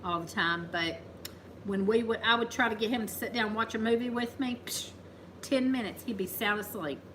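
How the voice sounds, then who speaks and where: A woman's voice: fairly high pitch, fairly quick, noisy background. Chatty woman hosting a farm livestream. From Kentucky, USA. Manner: chatty, laughs easily, teasing. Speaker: farm channel host. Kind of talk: casual livestream chat.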